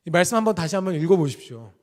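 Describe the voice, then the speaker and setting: A man preaching a sermon in earnest, swinging between loud emphatic lines and quiet low asides. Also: lively intonation, rapid-fire, big-room sound. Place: church sanctuary.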